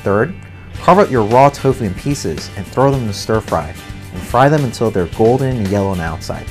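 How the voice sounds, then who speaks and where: A man's voice: on the low side, lively intonation, brisk, music in the background. A man narrating a food and wine show, explaining recipes step by step in an upbeat way. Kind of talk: cooking show voice-over narration.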